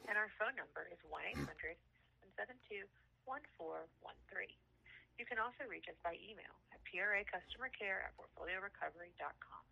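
A woman's voice: lively intonation, brisk, gravelly, sharp tone, slight background noise. A woman reading scripted phone menu announcements as the automated voice of a business line. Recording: dull low-fidelity telephone line.

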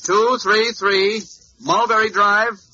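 A grown heroic superman: clipped urgent reads, bright, lo-fi vintage radio feel. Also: high-pitched, fairly even intonation, takes it slowly, exaggerated voice. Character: Clark Kent/Superman, heroic adult man. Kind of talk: 1940s radio acting. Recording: dull lo-fi old radio recording with faint hiss.

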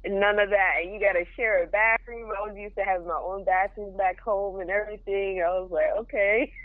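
A woman's voice: medium pitch, fairly even intonation, moderate pace. A young woman from Jamaica, a podcast guest, talking frankly and plainly about her life in a casual interview. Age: young adult. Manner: frank, straightforward. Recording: tinny phone line.

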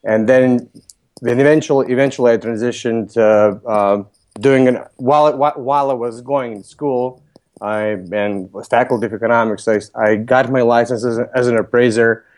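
Lithuanian man in his thirties, mid-pitched, plain businesslike interview guest. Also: fairly even intonation, normal speed, darkish tone. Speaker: podcast guest, real estate broker. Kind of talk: interview answers.

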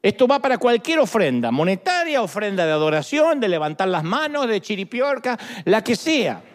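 Animated preacher with a high, lively voice. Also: male voice, normal speed. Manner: animated, joking storyteller. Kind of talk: sermon.

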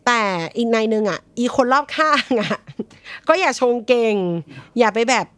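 A woman's voice: a little high, a little slow, a bit bright, slight background noise. A young woman hosting a casual chat, talking bluntly and playfully, acting out people's inner voices. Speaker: podcast host giving breakup advice.

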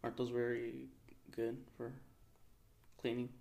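A man's voice: medium pitch, monotone, measured pace, creaky, mellow. A man co-hosting a casual podcast, chiming in with short questions and reactions. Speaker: podcast co-host.

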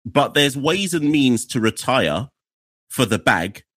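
A man co-hosting a casual cricket podcast, animated and jokey, acting out quotes in a mocking voice. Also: medium pitch, slow pace, no echo, studio quality. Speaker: podcast co-host.

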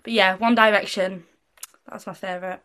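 A woman's voice: medium pitch, steady tone, moderate pace, fairly bright tone. A teenage girl from Britain chats as an interview guest. She rambles through her answers, full of fillers, and keeps breaking into giggles. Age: teens. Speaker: interview guest, young singer. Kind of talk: casual interview chat.

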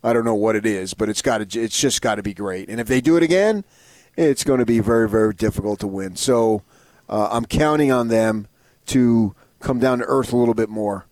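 A man's voice: on the low side, fairly quick, darkish tone, dry recording. A man co-hosting sports talk, giving conversational commentary and repeating phrases for emphasis. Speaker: sports radio co-host.

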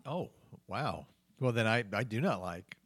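A man's voice: fairly low pitch, lively intonation, unhurried, a bit bright, no room sound. A man from North Carolina co-hosting an improvised comedy podcast, laughing often as the exasperated straight man. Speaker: podcast co-host.

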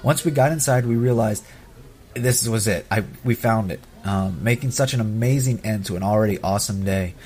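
A man's voice: on the low side, moderate pace, darkish tone. A middle-aged man telling personal stories as an audio host, in a casual, sentimental way. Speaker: podcast host narrating family trip memories.

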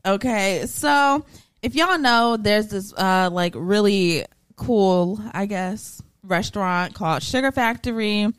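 A woman's voice: mid-range voice, slow, smooth, dry recording. Chatty woman podcast host, dry sound. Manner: animated, chatty storyteller with frequent laughs and profanity. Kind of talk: casual chat.

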